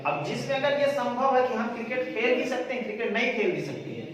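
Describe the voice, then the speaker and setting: A man teaching a grammar lesson, asking questions and answering them himself, and repeating each sentence slowly. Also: extremely high pitch, expressive, a bit bright. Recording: echoey room with long reverb, voice far from the mic.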